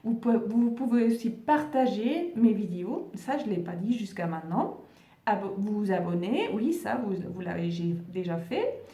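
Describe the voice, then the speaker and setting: A woman with a non-native French accent, talking gently to her viewers in a vlog and often pausing to search for words. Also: medium pitch, lively intonation, roomy sound, recorded from a distance. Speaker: spiritual video host. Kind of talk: casual vlog address to viewers.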